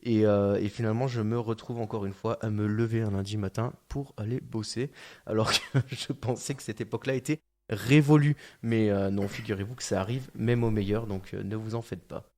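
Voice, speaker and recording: A man's voice: on the low side, fairly even intonation, a little fast, a little mellow, a little hiss or hum. A man hosting a casual podcast chat in a radio studio, joking, laughing often and trailing off with fillers. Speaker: podcast host.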